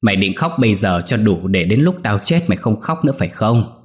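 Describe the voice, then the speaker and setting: A man voicing a sharp-tongued old village mother-in-law who scolds and curses bossily in a storytelling. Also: lowish voice, sing-song, fairly quick. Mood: mocking. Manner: scolding, cursing, bossy.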